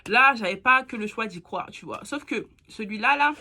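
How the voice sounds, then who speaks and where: A young woman tells her story as a casual, slangy monologue. Her voice is bright and forward, with a husky, breathy edge. She drops to a near-whisper for her asides. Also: normal speed. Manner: chatty, animated, slangy, with bursts of squeaky laughter and hushed asides. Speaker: vlogger.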